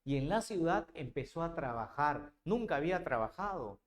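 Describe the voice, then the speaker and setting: A male literature teacher, retelling a story expressively with dramatic pauses and rhetorical questions. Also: fairly high pitch, very animated, reverberant.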